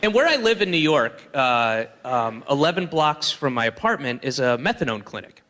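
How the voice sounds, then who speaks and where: A man's voice: medium pitch, very animated, moderate pace, sharp tone, big-room sound. A man doing a rambling stand-up comedy set, slipping in and out of mocking voices.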